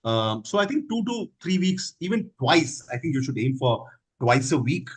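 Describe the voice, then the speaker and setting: A man's voice: a little high, very animated, moderate pace, low-quality recording. A man answering audience questions in an online session, advising with stressed key words over a video call.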